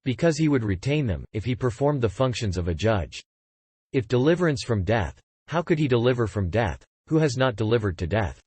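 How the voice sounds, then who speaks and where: A man giving a measured, declamatory scripted reading. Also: medium pitch, sing-song, a little mellow, husky, no echo. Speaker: reader.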